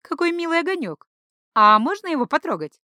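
Mad blind priestess for an audiobook, raised high pitch, erratic, flirty then shrieking, played by the woman reader. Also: big pitch swings, brisk, pushed and bright, dry recording, clean studio sound, exaggerated voice. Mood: coy, dreamy. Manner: flighty, swings between coy and shrieking prophecy.

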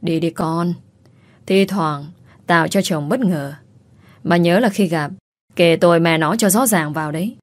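Storybook role: hot-headed mother, loud and blunt, put on by a woman narrator. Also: on the low side, measured pace, pauses often, dry recording, clean studio sound, close to an everyday voice. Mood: urging. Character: hot-tempered village mother, fiercely protective.

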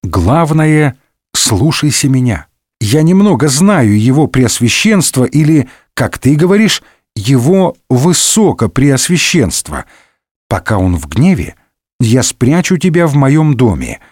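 A scheming noblewoman coos and mocks her lover, as a man reading aloud puts her on. Her voice sits higher than a plain reading and swings about with animated lilts, close and dry with no room around it. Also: no echo. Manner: cooing and teasing, coldly sly in asides. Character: scheming seductive noblewoman, mocking.

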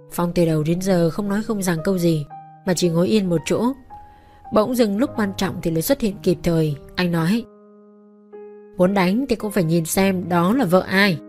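A woman's voice: lowish voice, darkish tone. A woman narrating a first-person story in a bitter, resentful tone.

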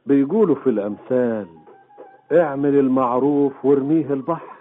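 A man's voice: mid-range voice, fairly quick, lightly acted. Needling man, played by an actor, muffled recording. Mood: teasing. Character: needling Bedouin companion, quoting proverbs. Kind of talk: Arabic radio drama acting. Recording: dull old radio recording, music behind.

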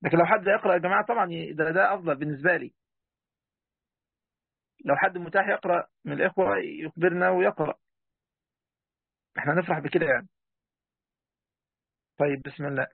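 Egyptian male sheikh, high-voiced and quick, chatty online lesson, phone-thin sound. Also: vocal fry, husky, no room sound, narrow, tinny audio. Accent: Egyptian Arabic. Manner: chatty, talks straight to his students, breaks off mid-word. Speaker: sheikh teaching a class. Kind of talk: online lesson, reading a text aloud and explaining it.

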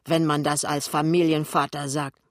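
A man's voice: a little high, flat delivery, normal speed, fairly bright tone, dry recording, clean studio sound, natural voice. A man voicing a spiteful male shop clerk who mocks and provokes a colleague. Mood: needling. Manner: mocking, provoking.

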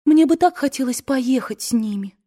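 A woman's voice: high-pitched, animated, normal speed, mellow, pitched above the performer's own voice. A woman voicing a wilful young widow who pleads and sobs, in an audiobook. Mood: pleading. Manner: pleading, sobbing, petulant.

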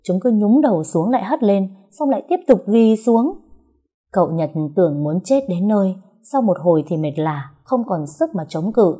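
A young woman narrating a story in a steady, expressive manner. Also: medium pitch, moderate pace, breathy edge.

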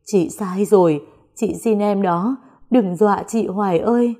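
A woman's voice: mid-range voice, measured pace, mellow. Remorseful elder sister begging forgiveness, voiced by a woman. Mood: pleading. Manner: tearful pleading.

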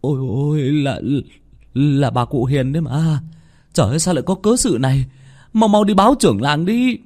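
A man's voice: fairly high pitch, sing-song, warm tone, pitched above the performer's own voice. A man voicing a frightened villager, urging others to hurry. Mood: urgent. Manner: urgent, hurried.

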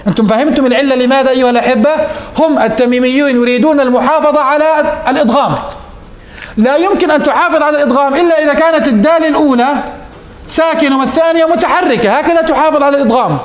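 A man's voice: extremely high pitch, racing, echoey room. A man teaching morphology as a sheikh, posing questions to his students and answering them himself. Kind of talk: classroom lesson.

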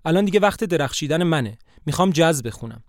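A man's voice: fairly high pitch, animated, no echo, clean studio sound. A man voicing a glamorous, flirtatious grandmother who declaims proudly about herself, in a story podcast reading of a play.

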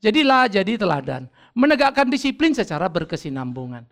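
A man's voice: sits high, fairly quick, gravelly. A middle-aged man preaching a sermon, telling stories with humor and acting out family conversations. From North Sumatra, Indonesia. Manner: lively storytelling, acting out family dialogues with humor. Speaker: pastor.

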